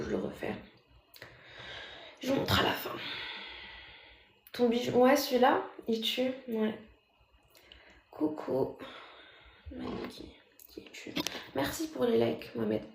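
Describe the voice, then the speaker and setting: A woman's voice: a little high, creaky, reverberant, slight background noise. A woman streaming live, chatting casually with viewers in a mocking, talkative manner. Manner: chatty, mocking, talks loudly by habit. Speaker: livestreamer.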